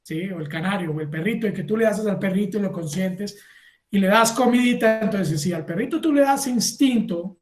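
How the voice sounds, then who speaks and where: Animated lecturer in an echoey room. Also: male voice, sits high, a little fast. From Colombia. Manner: animated, acts out little scenes and asks the class for agreement. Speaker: university lecturer. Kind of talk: classroom lecture.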